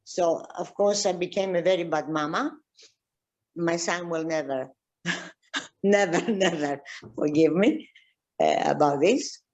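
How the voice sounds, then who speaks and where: An older woman from Egypt, a tour guide and archaeologist, chatting casually and slowly with many fillers and restarts. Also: lowish voice, a little mellow, dull audio. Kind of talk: casual video-call chat.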